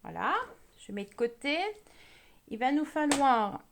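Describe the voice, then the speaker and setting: A woman with an English accent leads a card-making lesson at her craft table. Her voice sits fairly high, and she takes her time, chatting and pausing as she works with her hands. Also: creaky, background noise. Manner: chatty, slow, talks while working with hands. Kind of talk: crafting tutorial.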